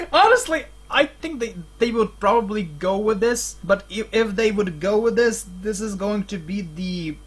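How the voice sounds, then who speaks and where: Halting man with a Slavic accent. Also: high voice, very animated, slightly rough. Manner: halting, stuttering, restarts often, laughs between phrases. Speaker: podcast co-host. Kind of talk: casual rambling chat.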